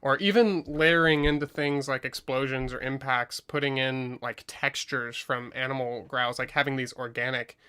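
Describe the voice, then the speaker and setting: A man hosting a livestream, asking guests questions in a relaxed, casual way with a lot of "like" in his speech. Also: medium pitch, moderate pace, few pauses, clean tone. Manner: relaxed, loose phrasing with frequent "like". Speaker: livestream host. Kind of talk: casual interview chat.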